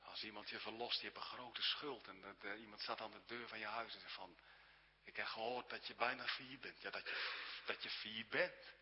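A man preaching a sermon earnestly, shifting between hushed whispers and raised, exclaiming passages. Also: fairly low pitch, steady tone, fairly quick. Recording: dull sound with long hall reverb.

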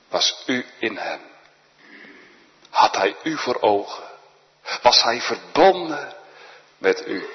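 A man preaching a sermon in a solemn, earnest manner, often dropping to a hushed voice. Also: medium pitch. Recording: dull echoey church recording.

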